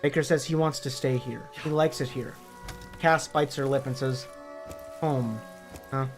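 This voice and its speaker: A hoarse man reading a story aloud in a plain, steady narrating voice. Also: medium pitch, moderate pace, music in the background. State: hoarse from illness.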